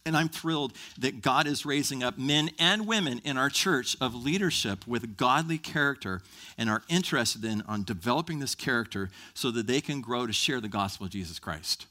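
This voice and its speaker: A male pastor preaching a sermon to his congregation, animated and emphatic, building in intensity. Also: mid-range voice, moderate pace.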